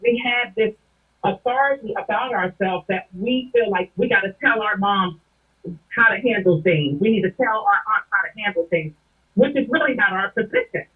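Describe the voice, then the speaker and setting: A woman's voice: medium pitch, moderate pace, breathy edge. A woman guest in a casual chat, speaking directly and giving advice. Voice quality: direct, advising. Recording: tinny phone-like line.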